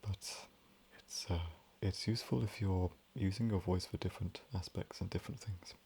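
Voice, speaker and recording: A man in soft-spoken, whispered role-play, rambling gently and drifting between a whisper and a low voice. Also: steady tone, brisk, gravelly, husky. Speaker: ASMR creator.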